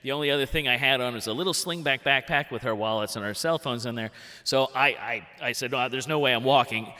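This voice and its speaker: Man, 40s, bright tense voice, lively comic stage storyteller, reverb of a theatre hall. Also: medium pitch, fast. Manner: animated, jumps into big voices for quotes. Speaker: workshop storyteller. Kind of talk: live comic personal storytelling.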